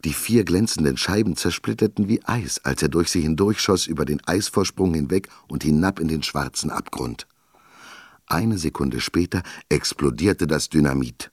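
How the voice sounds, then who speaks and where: A man narrating a children's story in an expressive, lively reading voice. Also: extremely low pitch, moderate pace, breathy edge, no room sound, studio quality.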